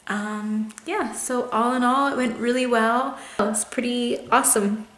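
A woman's voice: on the high side, fairly even intonation, unhurried, fairly bright tone, roomy sound. A woman in her thirties chatting casually to camera in a room indoors. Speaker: vlogger.

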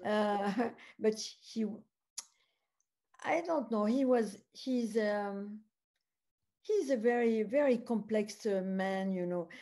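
French-accented woman, mellow, halting English. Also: mid-range voice. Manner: halting, searching for English words, many uhs. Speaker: film producer. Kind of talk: festival Q&A conversation.

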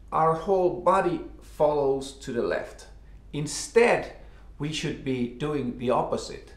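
Slow-paced man instructing, echoey room. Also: a little high. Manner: halting, repeats and rephrases his words. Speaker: ski instructor. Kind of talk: instructional explanation to camera. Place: small living room, indoors.

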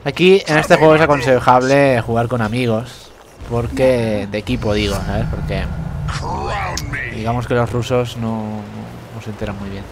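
A young man with a medium-pitched, steady voice talks at a normal pace over a noisy crowd, offering casual, self-mocking commentary on a video game he admits he's bad at. He breaks into laughter and yelps now and then, with game sounds and noise behind him.

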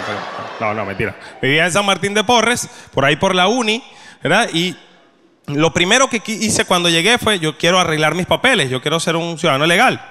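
A young man with a Venezuelan accent tells his stand-up stories with a dry, deadpan touch, his voice sitting high and sounding bright and sharp. The room behind him rings with a long hall reverb. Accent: Venezuelan Spanish. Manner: deadpan storytelling, acts out quoted voices. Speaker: stand-up comedian. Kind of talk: stand-up comedy set.

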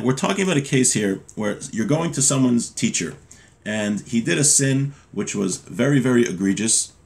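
Speaking in a creaky, mid-range voice, a thirty-something man gives an informal religious law lesson, reading a text aloud and breaking it down piece by piece. He is indoors in a small home room with bookshelves.

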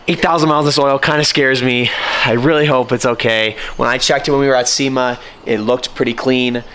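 A man in his twenties with an American accent, chatting casually to camera in a raspy voice, hoarse from a lingering cold. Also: mid-range voice, fairly even intonation, a little fast, pushed and bright. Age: 20s. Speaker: car vlogger. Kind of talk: casual vlog chat to camera. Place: outdoors, in a car and in a large garage workshop. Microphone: handheld camera at arm's length. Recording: noisy vlog audio with car ambience.

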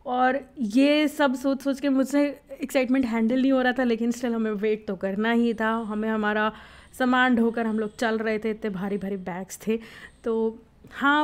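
A young woman narrating her first flight as a travel vlogger, excited and reflective, mixing in English words. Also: on the high side, moderate pace, clean tone.

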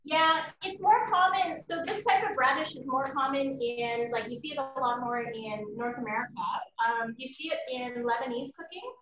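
High-voiced woman teaching from across a kitchen. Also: moderate pace, hardly any pauses, muffled recording. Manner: chatty, explains with frequent ums and rightss. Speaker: cooking class host. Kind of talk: live online cooking demonstration. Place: home kitchen, indoors. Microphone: laptop camera mic across the kitchen. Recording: roomy kitchen echo from far off, faint noise.

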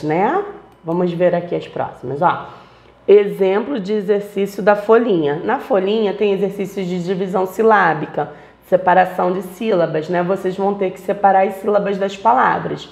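A woman gives a lesson to young children, speaking very slowly in a coaxing, sing-song way. Her voice has a gravelly edge. The recording sounds echoey, as if made in a bare room at home. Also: lowish voice. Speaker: primary school teacher.

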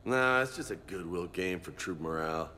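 An actor playing a brawny, cocky young marine bantering casually in a video game. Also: male voice, low-pitched, lively intonation, moderate pace, bright, forceful tone. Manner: casual banter with Spanish words. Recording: reverberant room with background noise.

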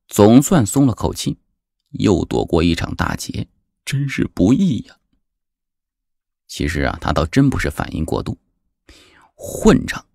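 A man narrating an audiobook novel, lively and animated, lifting his voice for excited characters. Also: gravelly, no echo, clean studio sound. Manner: lively storyteller, jumps high for shouting characters. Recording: background music under the voice.

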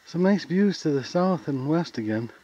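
A man's voice: a little high, expressive, normal speed, warm tone, breathy edge. A man with an American accent casually narrating a forest trail hike outdoors, pointing out the sights as he walks. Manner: easygoing, plain, pointing out sights. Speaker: hiker filming a trail video. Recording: dull lo-fi camera audio.

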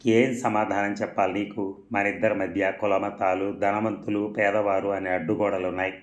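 Man doing a smug heartless young village guy, cold and mocking, low voice, echoey. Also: flat delivery, normal speed, natural voice. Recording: roomy echo.

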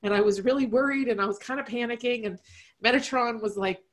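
A woman's voice: fairly high pitch, fast talker. Earnest, heartfelt woman sharing. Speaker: team leader sharing at a healing session. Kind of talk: emotional personal sharing.

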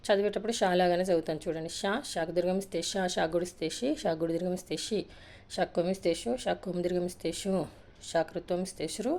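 A woman teacher runs through an alphabet drill at a quick clip, in a repetitive sing-song rhythm. Her voice sits fairly low, with a mellow, gravelly edge. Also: steady tone. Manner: rapid sing-song drill recitation with brief asides. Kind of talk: reciting a Telugu alphabet lesson.

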